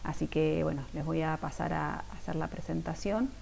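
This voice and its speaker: A woman's voice: low-pitched, fairly even intonation, moderate pace, creaky, a little mellow, slight background noise, poor audio. An Argentine woman, an industrial designer, giving a conference keynote talk with many fillers and restarts. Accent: Argentine Spanish.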